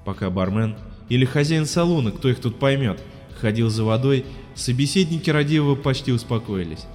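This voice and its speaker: A man narrating a humorous story aloud and lively voicing the characters' lines. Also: a little fast. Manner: lively, shifts pitch for quoted characters. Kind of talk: audiobook reading, voicing characters. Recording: long reverb, faint music behind.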